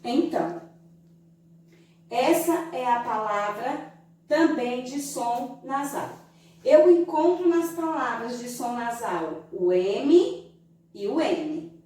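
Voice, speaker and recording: High-voiced Brazilian teacher in an echoey room. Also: female voice, expressive, a little mellow, recorded from a distance. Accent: Brazilian Portuguese. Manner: slow and didactic, stretching syllables to show sounds. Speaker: primary school teacher. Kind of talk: recorded remote lesson for young children. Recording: very echoey room, voice from away from the mic.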